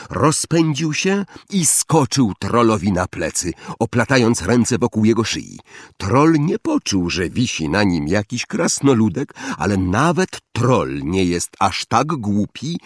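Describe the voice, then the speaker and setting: Casting: male audiobook narrator, low husky voice, lively dramatic delivery, dry studio sound. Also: dry recording. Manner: expressive, dramatic storytelling. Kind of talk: scripted storybook narration.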